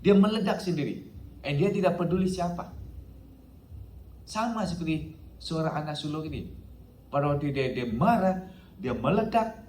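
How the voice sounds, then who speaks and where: A man's voice: on the high side, lively intonation, normal speed, pauses often, darkish tone, a little hiss or hum. Man preaching in an echoey church hall. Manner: mixes English phrases into preaching, repeats "ya" often. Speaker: pastor. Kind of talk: sermon. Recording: echoey hall, faint ambience.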